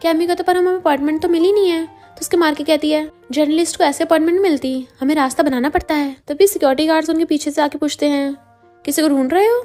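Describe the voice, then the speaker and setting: A woman with a high, quick voice rattles through a drama recap, slipping into each character's lines without changing much. Soft music plays faintly underneath. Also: steady tone. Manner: quotes every character in her own voice with light shifts. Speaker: narrator recapping a drama series. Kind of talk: fast casual storytelling recap.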